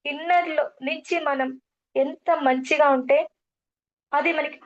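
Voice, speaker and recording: High-voiced woman. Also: fairly even intonation, takes it slowly. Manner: repeats herself and addresses the interviewer as madam. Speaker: guest sharing a spiritual testimony. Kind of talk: earnest personal storytelling. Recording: muffled lo-fi recording.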